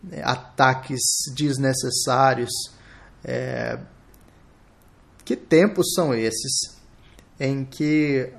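A man with a Brazilian Portuguese accent hosting a live podcast, thinking aloud in a reflective, halting way. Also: mid-range voice, vocal fry. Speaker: podcast host.

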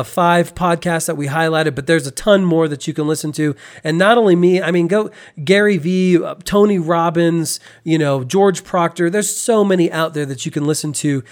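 A man co-hosting a podcast, talking casually in a rambling way, full of fillers and restarts. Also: on the high side. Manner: rambling, filler-heavy, self-correcting. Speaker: podcast co-host.

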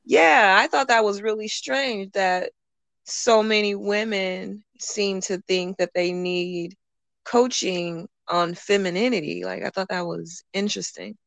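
A woman's voice: mid-range voice, fairly even intonation, measured pace, vocal fry, a bit bright, no room sound. Female podcast host, mid-range voice, casual interviewing style, very little room sound.

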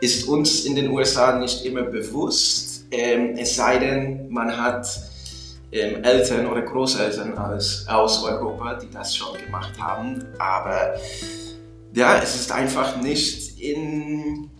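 A young American man from Chicago talks through a casual interview in German, a language he learned later, picking his words carefully and restarting phrases. His voice sits at an average pitch. The room has a noticeable echo, with faint guitar music behind him. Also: fairly even intonation, slow, fairly bright tone. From Chicago, USA. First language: English. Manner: careful non-native speech with restarts. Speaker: guest.

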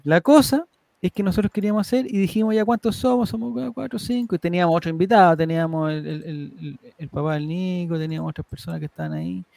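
A man's voice: high-pitched, lively intonation, quick pace, vocal fry, darkish tone, no echo. A man, telling a story as a podcast host in a rambling way, with restarts and laughs. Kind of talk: casual storytelling to co-hosts.

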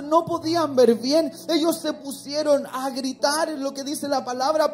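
Female preacher, high voice, sermon with congregation prompts, soft music behind. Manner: calls on the congregation to respond. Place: church.

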